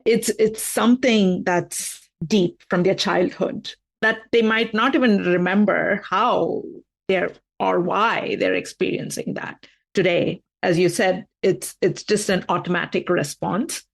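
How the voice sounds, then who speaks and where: A woman's voice: mid-range voice, unhurried, creaky, breathy edge. A woman co-hosting a podcast, affirming her guest and ending her points with "right?". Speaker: podcast co-host. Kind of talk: conversational podcast interview.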